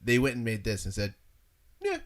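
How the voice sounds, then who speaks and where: A man's voice: mid-range voice, wildly swooping pitch, normal speed. A man chatting casually and jokingly as he comments on game clips.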